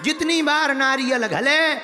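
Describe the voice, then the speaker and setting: A man's voice: very high voice, slow, pushed and bright. A male preacher telling a devotional story to a crowd, rousing them and calling for responses, at times singing verses. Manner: rousing, calls out to the crowd, breaks into sung verse. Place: large event venue. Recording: live hall reverb, faint music.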